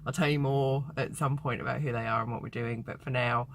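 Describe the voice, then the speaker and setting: A woman in her thirties talks straight to the camera in a personal vlog, open and reflective. Her voice sits low, with a faint hiss of background noise. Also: fairly even intonation, fairly quick. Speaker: fashion designer and vlogger.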